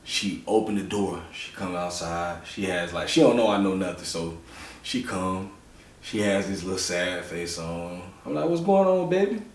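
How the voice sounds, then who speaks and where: A man's voice: low-pitched, fairly even intonation, a little slow. A man hosting a podcast, talking in a loose, reflective way with lots of "you know". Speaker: podcast host. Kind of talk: casual conversational interview. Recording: roomy sound from a distant mic.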